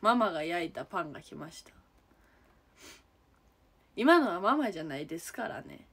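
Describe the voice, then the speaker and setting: Husky young Kansai woman, chatty. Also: on the low side, very animated, normal speed, a bit bright. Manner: chatty, giggly, answers viewers one by one. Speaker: idol livestreamer. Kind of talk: casual livestream chat reading comments. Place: room at home.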